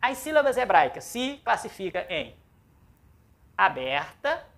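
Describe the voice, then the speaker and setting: A woman with a Brazilian Portuguese accent leads a language lesson at an unhurried pace. She spells syllables out one by one and repeats each word several times so students can follow. Her pitch sits in a middle register. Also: very animated, gravelly. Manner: deliberate, repeats words aloud for practice. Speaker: Biblical Hebrew teacher. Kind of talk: classroom lesson.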